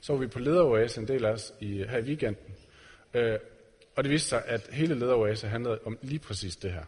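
A man's voice: medium pitch, a little mellow, breathy edge. A man giving a sermon to a congregation in an earnest way, putting direct questions to his listeners. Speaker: preacher. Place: church hall. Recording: reverberant church hall.

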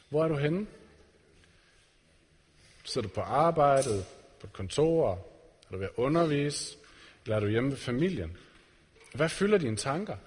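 Husky man preaching in a reverberant hall. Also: fairly high pitch. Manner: earnest, direct questions to the congregation. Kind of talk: sermon. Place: church hall.

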